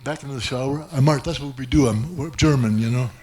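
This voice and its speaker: A man's voice: mid-range voice, fast talker, a crowd in the background. A man doing stand-up, telling a rambling self-mocking story with many restarts. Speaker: stand-up comedian. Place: comedy club stage.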